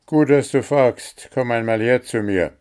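A man voicing a vain, quick-tempered male gnome, loud and scolding. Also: mid-range voice, voice pushed up, lightly acted. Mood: scheming. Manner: sharp, scolding, self-important.

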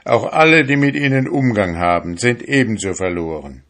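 A man's voice: lowish voice, expressive, moderate pace, fairly bright tone, voice pushed up. A man voicing a stern old priest who preaches in an indignant, raised voice. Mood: indignant, preaching.

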